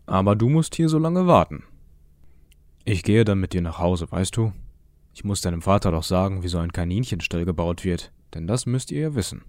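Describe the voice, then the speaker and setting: A man voicing a kindly older man with bent legs, speaking gently and coaxingly in an audiobook reading. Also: deep voice, brisk, no room sound, natural voice.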